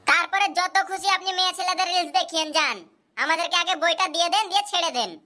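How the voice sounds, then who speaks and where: In comic cartoon dubbing, a performer voices a cheeky, pushy schoolboy customer with an extremely high, bright, forceful voice. The delivery is quick, whiny, and insistent, in a complaining mood.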